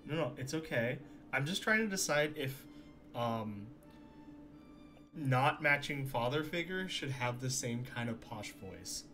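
An excitable game streamer who curses and mocks themself, with a mid-range pitch. Game music plays underneath. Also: measured pace. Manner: excitable, swears, laughs easily, self-mocking. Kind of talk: casual game stream chat.

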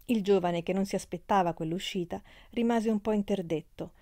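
A woman reads a classic novel aloud in a measured, expressive way. Her voice is warm and mellow at a middle pitch. The recording is dry and close, with no room sound. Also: dry recording. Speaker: audiobook reader. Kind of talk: scripted narration of a novel.

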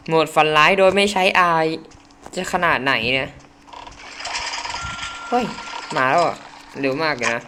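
A man's voice: a little high, expressive, unhurried, long pauses, bright, forceful tone, slight background noise. A man hosting a gaming channel, chatting to his viewers through let's play commentary with sudden startled exclamations.

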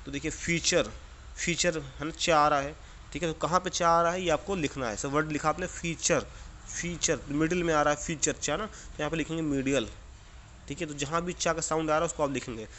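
A man teaches a school lesson, his voice sitting a little high for a man. He reads each sentence out slowly and repeats key words as he checks that the class follows. A faint hum runs behind him. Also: steady tone, fairly bright tone. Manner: reads English sentences slowly, then explains them in Hindi. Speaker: English teacher. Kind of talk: classroom lesson explaining exercises.

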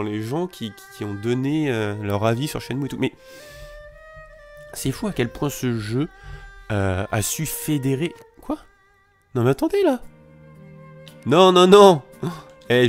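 A man hosting a calm let's play, reading in-game messages aloud and musing on them in a chatty way. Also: mid-range voice. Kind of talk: calm gameplay commentary.

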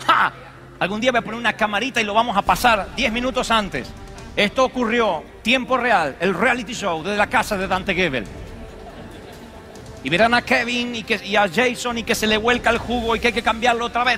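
A man preaching a sermon, animated and joking, acting out little voices. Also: extremely high pitch. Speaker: pastor. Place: church.

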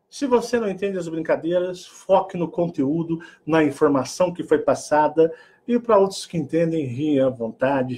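Brazilian male host with a raised pitch, middle-aged, Brazilian Portuguese accent, animated, joking, slips between playful and earnest talk. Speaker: spiritual channel host. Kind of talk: casual spiritual monologue.

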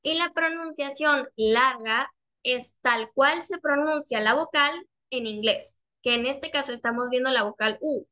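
A young English teacher with a high, bright voice leads an online class over a video call. She patiently repeats her questions and slowly stretches out each example word so the learners can hear it.

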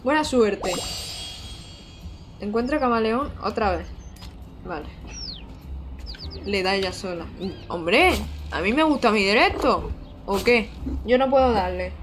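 A young woman, chatting excitedly and casually while she streams a video game. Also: fairly high pitch, unhurried, pauses often, slight background noise. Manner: excitable, chatty, with frequent squeals and giggles. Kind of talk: casual live-stream gameplay chat.

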